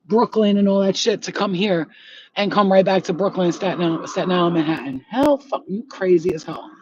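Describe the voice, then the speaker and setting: A spiritual healer in her 40s, a New Yorker, rants to viewers casually and profanely without holding back, her voice on the low side and a little fast. Faint background noise accompanies a slightly dull recording.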